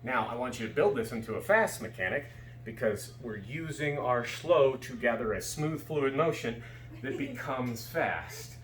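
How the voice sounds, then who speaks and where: A man's voice: mid-range voice, lively intonation, measured pace, fairly bright tone. A man giving casual, explanatory fencing instruction, often checking that his students follow. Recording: echoey room with background noise.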